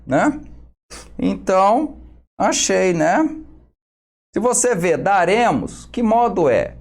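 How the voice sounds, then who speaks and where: A man's voice: on the high side, creaky, darkish tone. A male teacher with a Brazilian Portuguese accent working through exam questions for students, explaining step by step and ending nearly every phrase with a tag question.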